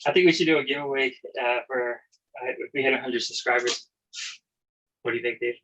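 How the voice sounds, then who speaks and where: Bright-voiced man hosting a casual stream. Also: mid-range voice, steady tone, a little fast, poor audio. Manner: chatty, greets viewers by name. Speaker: live stream host. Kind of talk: casual chat.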